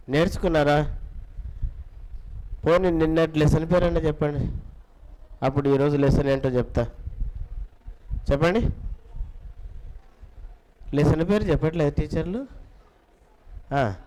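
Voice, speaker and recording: A man's voice: a little high, rough recording. Man coaxing a children's class. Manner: coaxing, repeats questions, urges children to answer loudly. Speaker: Bible school teacher. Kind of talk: teaching children, quizzing the class.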